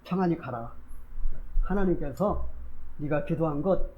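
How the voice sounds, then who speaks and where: A man voicing a gentle, apologetic old male priest in a low, hushed way. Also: unhurried, lo-fi sound, a little hiss or hum, close to an everyday voice.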